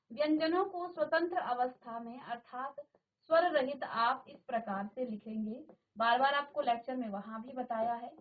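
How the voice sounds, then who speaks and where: A woman's voice: sits high, highs cut off. A woman teacher giving a virtual classroom Hindi lesson, patiently repeating questions and speaking to her students directly. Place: studio classroom.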